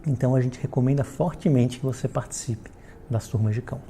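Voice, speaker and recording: A franchise founder from Salvador, Bahia, Brazil, explains things in a question-and-answer talk, teaching in a didactic way with frequent check-in tags. His voice is medium-pitched, fairly quick, and mellow, with a breathy edge.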